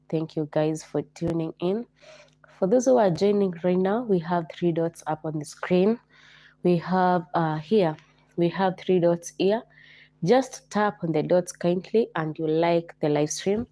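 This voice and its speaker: Kenyan woman, livestream host, low voice, coaxing and repetitive, dry close sound. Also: warm tone, no echo. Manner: repetitive, coaxing viewers to like and comment. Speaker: live stream host. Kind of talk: live stream chat.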